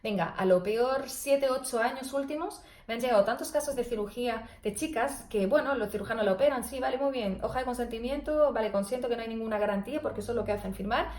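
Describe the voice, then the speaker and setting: Earnest speech therapist, roomy sound. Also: female voice, fast talker, few pauses, darkish tone. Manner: earnest, cautionary, demonstrates pitch with her voice. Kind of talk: explanatory video blog. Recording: roomy echo.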